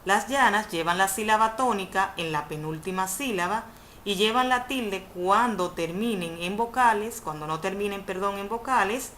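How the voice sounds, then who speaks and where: In an online video conference held indoors, a woman from the Dominican Republic teaches a university Spanish spelling course, explaining rules step by step. Her medium-pitched, fairly bright voice moves at normal speed, and she's didactic, repeating definitions and self-correcting with "perdón." The webinar audio carries faint background noise.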